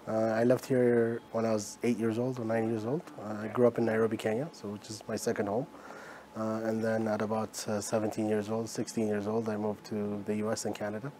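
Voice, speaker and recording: A man's voice: fairly low pitch, completely flat delivery, fairly quick, dark tone, slight background noise. A man from Ethiopia, an entrepreneur guest, answering interview questions in a matter-of-fact way with frequent fillers.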